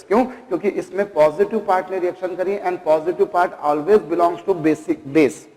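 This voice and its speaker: A man teaches chemistry, pausing to ask his students rhetorical questions and calling them kids. His voice sits high for a man. The sound carries a long reverb, as if recorded in a hard classroom. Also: darkish tone. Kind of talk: classroom lecture.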